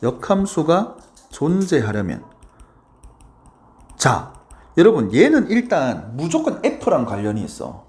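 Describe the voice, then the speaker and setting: A male math teacher giving a lively, playful lecture, constantly checking in with his students and acting out little quoted lines. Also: a little high, slow pace, long pauses.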